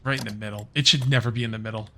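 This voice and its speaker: A man's voice: on the low side, steady tone, very fast, sharp tone, slight background noise. A man giving casual, rambling let's-play commentary, talking to his viewers as he plays. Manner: chatty, rambling, talks to viewers while playing. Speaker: gaming YouTuber.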